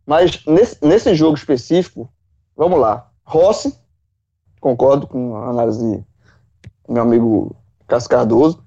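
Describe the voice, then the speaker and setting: A man, a football pundit in casual chat, animated, swearing and full of folksy analogies. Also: medium pitch, unhurried, long pauses, dull audio. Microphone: remote call.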